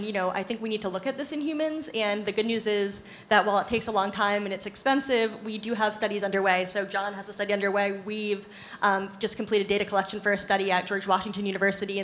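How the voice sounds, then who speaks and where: A woman's voice: medium pitch, fairly bright tone, slight background noise. A young woman researcher answering on a conference panel, fluent and agreeable with frequent fillers. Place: conference stage. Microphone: handheld mic.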